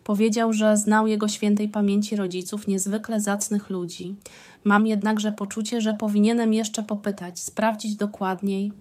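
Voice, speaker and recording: A woman reading the lines of a cautious, anxious nobleman in his later years who is in failing health, in a measured, hesitant way. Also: mid-range voice, level tone, mellow, lightly acted. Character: anxious ailing elderly nobleman count.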